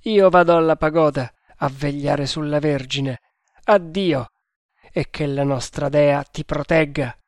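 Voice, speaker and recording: A man's voice: a little high, measured pace. A man doing a fanatical cult sentinel. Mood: solemn menacing. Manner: loud, solemn, fanatical. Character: grim male cult sentinel, fanatical and menacing.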